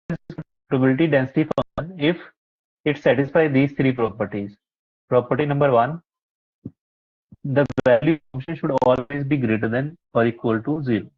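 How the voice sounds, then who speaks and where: A man, teaching a live online class in a patient, explanatory way, with frequent fillers. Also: medium pitch. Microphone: laptop or headset mic on a video call. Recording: muffled, lo-fi online call audio.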